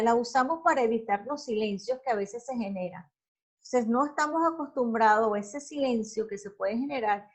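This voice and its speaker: A woman delivers a recorded lesson in a slightly high voice. She explains step by step, pausing on fillers and asking "ok?" to check that her students follow. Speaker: teacher. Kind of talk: recorded class lecture on public speaking.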